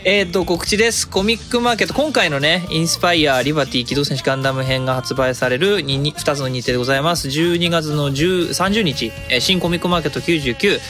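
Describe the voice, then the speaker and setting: A man in his thirties hosts a web radio show, chatting casually with jokes and reading announcements. His voice is on the high side and moves quickly with few pauses. Music plays under him.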